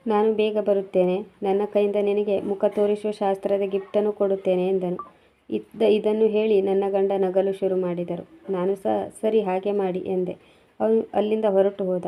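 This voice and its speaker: A woman reading a first-person story aloud in an even, steady tone. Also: medium pitch. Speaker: narrator. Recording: tinny phone-like sound.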